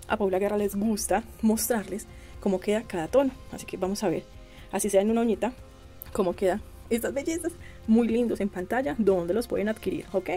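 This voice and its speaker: A young woman from Colombia with a Medellín accent, chatting warmly and enthusiastically to her viewers about products. Her voice is mellow and mid-pitched. Soft music plays faintly underneath. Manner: chatty and gushing, calls viewers "chicas" and "mis amores". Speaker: beauty vlogger. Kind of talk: casual product review for viewers.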